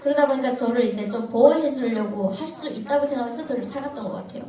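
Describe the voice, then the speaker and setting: A woman from Korea, giving a personal testimony to an audience in lively storytelling that breaks into laughter at tense moments. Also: high-pitched, fast talker. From North Korea. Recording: echoey hall, mic at a distance, audience.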